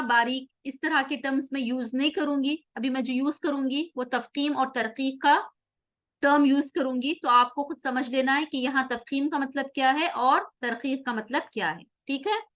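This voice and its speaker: A woman teaching Quran recitation rules, explaining patiently in Hindi with English words and slowly drilling example words again and again. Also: sits high, a bit bright. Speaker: tajweed teacher.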